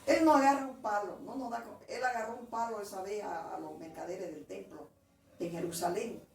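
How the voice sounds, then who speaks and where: A woman's voice: medium pitch, steady tone, fairly quick. A woman preacher telling a personal testimony in a sermon, emotional and restarting her words, in an echoey church room. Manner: emotional storytelling with frequent restarts. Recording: echoey room, distant mic, faint noise.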